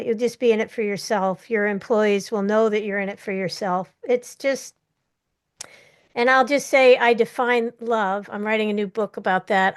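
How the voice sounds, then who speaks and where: A woman's voice: mid-range voice, clean tone. An older woman being interviewed on a podcast, speaking in a direct, plainspoken way about business. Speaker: interview guest, marketing leader. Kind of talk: casual interview chat.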